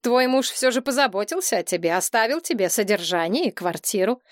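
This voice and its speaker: A woman's voice: medium pitch, expressive, a little fast, no room sound, studio quality, natural voice. A woman voicing a nervous middle-aged male banker who speaks in a sour, dismissive and sarcastic way.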